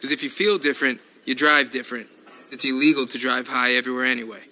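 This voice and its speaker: A man's voice: mid-range voice, fast, sharp tone. An actor playing a self-aware spokesman in a public safety ad. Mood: matter-of-fact.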